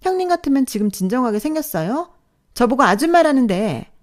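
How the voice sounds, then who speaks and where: A woman voicing a vain, sharp-tongued young married woman who talks in a snippy, scornful way, in a storytelling role-play. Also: medium pitch, sing-song, moderate pace, pitched above the performer's own voice, close to an everyday voice. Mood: angry.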